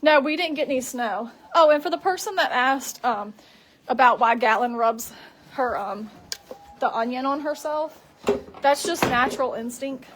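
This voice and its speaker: Woman, high voice, chatty, sing-song with animals, outdoors on a farm, noisy phone recording. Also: normal speed, a bit bright. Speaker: farm livestreamer. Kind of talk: casual livestream chat while doing chores.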